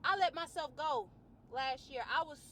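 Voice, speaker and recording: A fitness trainer and vlogger, a woman ranting to camera in a colloquial, outspoken way, swinging between loud outbursts and low, quiet musing. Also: moderate pace, slight background noise. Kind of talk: personal rant to camera.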